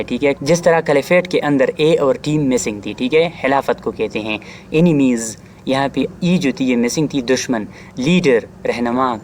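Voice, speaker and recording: A man teaching an exam-prep grammar lesson who explains each word and slows down to read English sentences deliberately. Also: medium pitch, a little mellow, slight background noise. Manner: explains each word, often adds "theek hai"; reads English lines slowly and deliberately.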